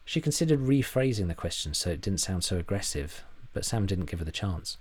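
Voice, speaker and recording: A man's voice: low-pitched, sing-song, fairly quick, slightly rough. A man narrating a story in a dry, wry manner.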